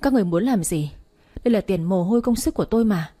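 A woman's voice: medium pitch, lively intonation, quick pace, mellow, lightly acted. A woman voicing a feisty young noodle-stall owner who protests in a raised, defiant voice.

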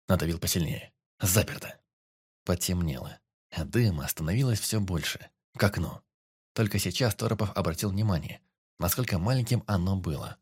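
Low-voiced male audiobook narrator. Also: darkish tone. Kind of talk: scripted narration.

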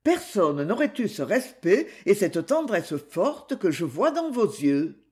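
A man's voice: sits high, sing-song, slow, dark tone, exaggerated voice. A man voicing a proud, tender young woman in love, grave and fervent.

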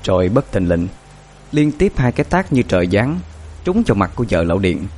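Low-voiced, expressive horror storyteller man. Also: a little fast, a little hiss or hum.

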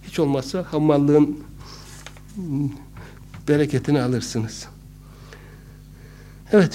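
Guy giving a laid-back talk on public speaking, voice a bit on the high side, cracks jokes, lots of "uh"s. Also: warm tone. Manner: conversational, with humorous asides and many hesitant fillers. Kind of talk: casual instructive talk.

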